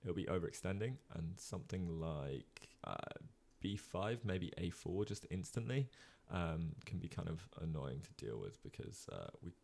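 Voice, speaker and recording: A young man giving casual live-stream chess commentary, chatting with viewers and filling pauses with ums and uhs. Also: sits low, big pitch swings, vocal fry, darkish tone. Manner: chatty, many ums and uhs, reads chat.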